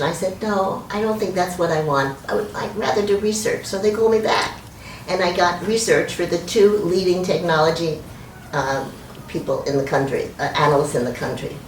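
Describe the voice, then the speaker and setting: A woman's voice: fairly low pitch, fairly quick, a little hiss or hum. An older woman in a chatty way recounting her working life, correcting herself as she goes. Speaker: interviewee. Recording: echoey room, far from mic.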